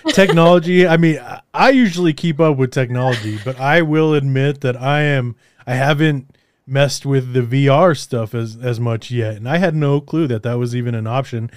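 A man's voice: mid-range voice, moderate pace, smooth, no echo, clean studio sound. A man hosting a casual interview, hesitant and hedging his words. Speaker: podcast host interviewer.

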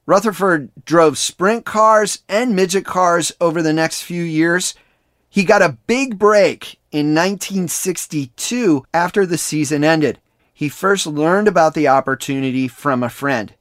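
A man with a somewhat high voice narrates a sports history podcast from a prepared script. He speaks in a measured way. The recording is dry and close. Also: a bit bright, no room sound. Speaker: podcast host.

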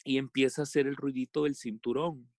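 A man from El Salvador with a Salvadoran accent, telling a personal story as a podcast guest in a halting way, with many fillers and restarts. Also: medium pitch, fairly even intonation, no echo, clean studio sound. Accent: Salvadoran Spanish.

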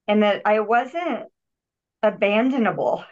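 A healer and yogi guesting on a podcast relates her personal story of healing, earnest and reflective, often circling back to restart and repeat words. Her mid-range voice is expressive, slow and a little mellow, captured in dull lo-fi audio.

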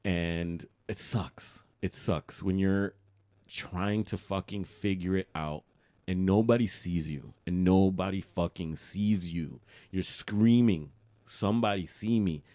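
Deep-voiced man, candid and heartfelt. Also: takes it slowly, warm tone, dry recording. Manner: heartfelt, profane, emphatic. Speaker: podcast co-host. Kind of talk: candid podcast chat.

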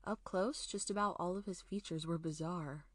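Woman reading a creepy folk story, kinda low voice, folksy and unhurried, dry sound. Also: steady tone, dry recording. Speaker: storyteller, show host. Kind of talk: scripted spooky folktale narration.

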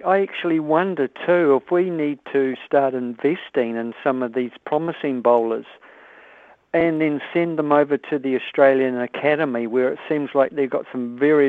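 A man's voice: mid-range voice, smooth, no room sound. A man with a New Zealand accent calling in to a talkback radio show over the phone, speaking hesitantly with many fillers. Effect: heard over the phone. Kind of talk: casual phone-in chat. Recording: dry tinny phone line.

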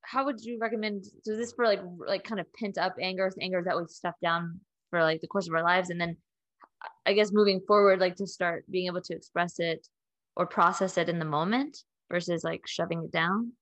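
A woman's voice: on the low side, fairly even intonation, fairly quick, fairly bright tone, dry recording. A woman hosting a podcast interview, asking curious, rambling follow-up questions and affirming her guest. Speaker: podcast host.

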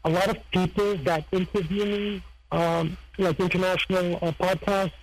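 A man from Serbia who tells his story in a halting, rambling interview style, searching for words as he goes. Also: high-pitched, little pitch movement, low-quality recording. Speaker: guest, former heist crew member.

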